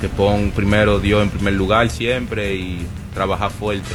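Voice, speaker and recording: A man's voice: fairly low pitch, little pitch movement, measured pace, over music. A young man, answering interview questions casually with many fillers and restarts. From Brooklyn, New York, raised partly in the Dominican Republic. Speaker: baseball player being interviewed. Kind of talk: post-game interview.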